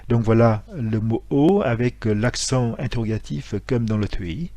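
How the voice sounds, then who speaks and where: A man teaching a lesson, explaining with frequent pauses and self-corrections. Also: medium pitch, expressive, mellow, dry recording. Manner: hesitant, many fillers and self-corrections; explanatory, spells out letters and sounds. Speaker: martial arts instructor.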